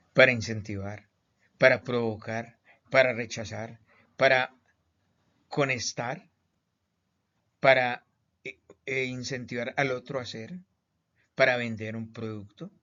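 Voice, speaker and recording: A man's voice: mid-range voice, sharp tone. A man from Colombia teaching a recorded online lesson, stressing each point with questions and repeated words. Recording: slightly muffled lo-fi audio.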